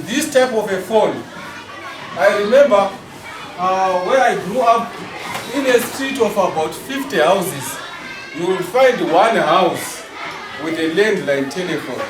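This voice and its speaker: A middle-aged man leads a school lesson at an unhurried, measured pace. He keeps checking in with his pupils as he goes. His voice comes from across a big, roomy hall, caught at a distance with chattering children and steady noise around him. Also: high voice. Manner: slow and deliberate, keeps checking with the class. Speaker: teacher. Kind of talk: classroom lesson.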